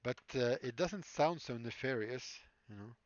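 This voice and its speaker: A man's voice: medium pitch, measured pace, no room sound. A man chatting casually on a livestream while building props, rambling and musing with many fillers. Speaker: prop maker livestreamer. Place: workshop. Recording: dull lo-fi stream audio, dry.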